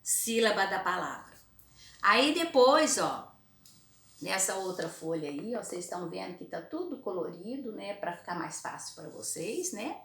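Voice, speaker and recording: A slightly hoarse woman teacher with a Brazilian Portuguese accent, slowly walking children through a recorded lesson and often checking in with "né?". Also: medium pitch, roomy sound. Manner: slow, lively, exaggerated pronunciation, frequent "né?".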